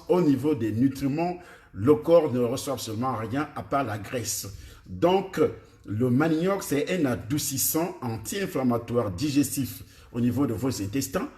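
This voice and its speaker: In an echoey room, a preacher with a mid-range, darkish voice teaches his congregation about food and health. He has a Cameroonian French accent, with Ewondo as his first language, and he repeats himself and questions his listeners directly.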